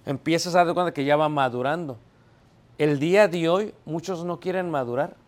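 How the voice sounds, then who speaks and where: A man's voice: a little high, normal speed. Male preacher with a slightly raised voice, quizzing his flock and acting out everyday scenes. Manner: asks the congregation questions and answers himself. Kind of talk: sermon.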